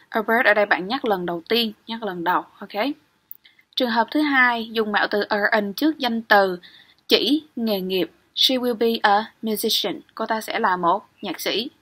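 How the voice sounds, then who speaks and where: Breathy woman teaching grammar. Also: fairly high pitch, fairly bright tone. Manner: explains step by step, often checks with "ok?". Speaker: English teacher. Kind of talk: exam-prep grammar lecture.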